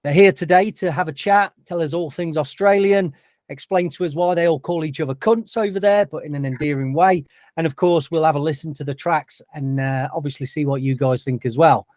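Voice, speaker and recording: Guy hosting a podcast, bit high voice, chatty and jokey, dry sound. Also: a little fast, darkish tone, dry recording. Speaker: podcast host. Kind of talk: casual podcast chat.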